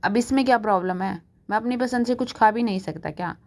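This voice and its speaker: A woman's voice: a little high, fast talker, lightly acted. Lady reading as a joking middle-aged doctor husband, easygoing and cheeky, storybook tale. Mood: teasing.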